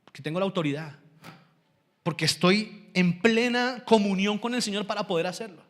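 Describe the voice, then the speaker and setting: Emphatic high-voiced male preacher. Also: moderate pace. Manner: emphatic, repetitive, swings between loud and hushed. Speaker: pastor. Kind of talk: sermon.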